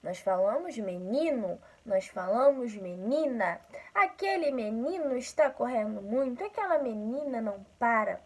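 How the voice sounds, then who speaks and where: A woman from Rio de Janeiro with a Carioca accent, teaching a school lesson slowly and patiently, often checking in with her listeners. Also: on the high side, animated, rough recording. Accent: Carioca Brazilian Portuguese. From Rio de Janeiro, Brazil.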